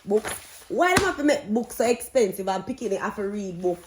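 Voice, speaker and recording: A sing-song, mid-range voice, a little fast, rises over a noisy background. The woman, who has a Jamaican accent, chats bluntly and does an interactive read-aloud for children as if vlogging at home as a parent, halting to instruct and quiz them.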